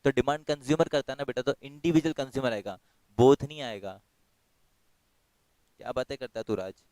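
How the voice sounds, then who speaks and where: Hoarse teacher with a clear, dry voice. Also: male voice, mid-range voice, a little mellow, dry recording, low-quality recording. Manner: reads questions slowly, explains quickly in mixed Hindi and English. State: sore throat, clearing it often. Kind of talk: online multiple-choice class. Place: home.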